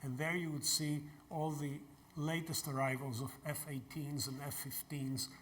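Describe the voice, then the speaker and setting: An older man from Greece, giving a university lecture and taking audience questions in a measured way. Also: fairly high pitch, little pitch movement, fairly bright tone, slight background noise. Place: lecture hall.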